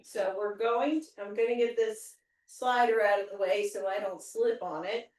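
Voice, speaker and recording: A woman's voice: medium pitch, fairly even intonation, moderate pace, a little mellow. A woman instructing a home workout, giving encouraging cues and countdowns as an exercise instructor. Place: indoor room. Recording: very echoey room, distant microphone.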